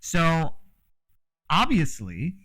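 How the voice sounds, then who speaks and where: A man's voice: a little high, huge pitch swings, extremely slow, fairly bright tone. A man who grew up in Mexico, talking in a rambling, frank casual monologue with frequent fillers and the odd curse. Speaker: host.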